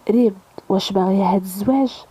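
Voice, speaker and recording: Woman reading a calm, suspicious Moroccan groom. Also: mid-range voice, slightly rough, no echo, close to an everyday voice, low-quality recording. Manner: calm, polite, measured.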